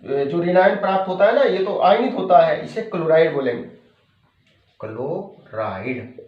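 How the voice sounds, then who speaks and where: A man's voice: high voice, a little fast. A man teaching chemistry in a patient lecture style, repeating key terms and checking in with his students. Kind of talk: classroom lecture. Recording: echoey room, dull lo-fi sound.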